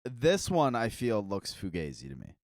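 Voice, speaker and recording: A man's voice: lowish voice, wildly swooping pitch, normal speed, a little mellow, no room sound, clean studio sound. A man co-hosting a podcast in casual chat, laid-back and full of fillers. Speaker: podcast co-host.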